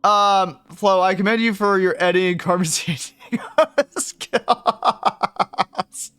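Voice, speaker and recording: A man's voice: high-pitched, steady tone, slow pace, bright, forceful tone, clean tone, no echo. A young man streaming live, chatting casually with viewers in a rambling way, cursing freely and laughing often.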